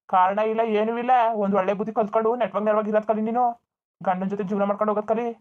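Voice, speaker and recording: A voice actor playing an angry young man who scolds his family in a village cartoon, shouting and bitter. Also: mid-range voice, level tone, racing, natural voice. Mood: furious scolding. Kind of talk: Kannada village cartoon dub. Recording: tinny phone-like audio.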